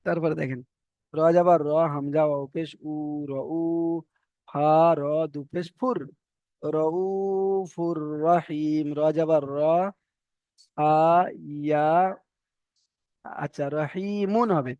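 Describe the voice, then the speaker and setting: A man teaching Quran reading, spelling out syllables slowly one by one and often checking that the students follow. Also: a little high, steady tone, mellow, no room sound, highs cut off. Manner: slow, drawn-out letter-by-letter spelling with repeated checks. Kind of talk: spelling-out recitation lesson.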